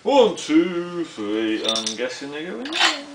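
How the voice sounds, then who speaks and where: A British vlogger from the United Kingdom mutters to himself while assembling something in a concrete-floored garage workshop, giving casual, jokey commentary. His voice is a little high, slow and full of huge pitch swings. A camera mic a short distance away makes the sound roomy and distant, and it's very noisy with clicks.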